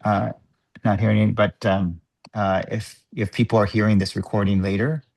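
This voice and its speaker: A man chairing an online work group meeting, thinking aloud in a halting, measured way over a video call microphone. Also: lowish voice, little pitch movement, gravelly, darkish tone.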